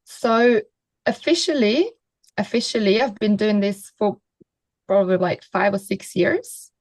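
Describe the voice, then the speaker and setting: A woman from Bulgaria, a Kundalini teacher, giving calm, flowing interview answers. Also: medium pitch, measured pace, no room sound. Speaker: guest.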